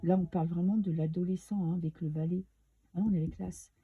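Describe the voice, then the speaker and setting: A woman's voice: on the low side, fairly even intonation, brisk, husky, narrow, tinny audio. A woman with a French accent giving a casual, chatty tarot reading to her viewers, with many fillers and restarts. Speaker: tarot reader.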